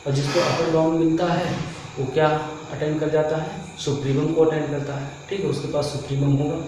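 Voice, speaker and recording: A man's voice: on the high side, level tone, fairly quick. A male math teacher explains a lesson step by step and keeps asking the class rhetorical questions as he works. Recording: echoey room, voice from far off, faint noise.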